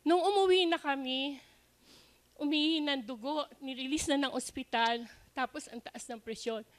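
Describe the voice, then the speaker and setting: A woman's voice: high-pitched, moderate pace. An older woman with a Filipino accent, giving an earnest church testimony with English phrases mixed in. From Philippines.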